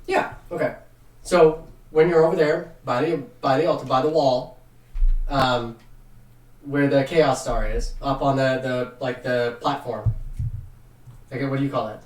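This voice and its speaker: A man narrating a tabletop game casually as game master, often halting as he searches for words. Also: mid-range voice, fairly even intonation. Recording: roomy, distant from the mic.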